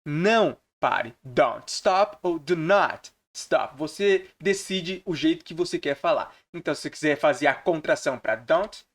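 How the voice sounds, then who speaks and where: A man from Brazil teaching English phrases in a screen-recorded lesson, repeating each example slowly and deliberately. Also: fairly high pitch, lively intonation.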